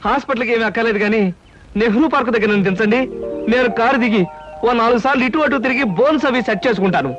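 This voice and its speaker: A sly, cheeky young lodger, very high and quick, music under the dialogue. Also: male voice, highs cut off. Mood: fake-hurt. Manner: cheeky, teasing and mock-innocent. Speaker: lodger and scheming comic lead in a film comedy scene. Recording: film soundtrack with music underneath.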